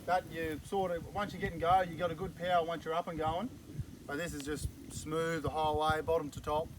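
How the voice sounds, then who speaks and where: A man's voice: fairly high pitch, flat delivery, brisk, noisy background. A young man giving short, plain answers in a casual outdoor interview. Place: outdoors in the countryside.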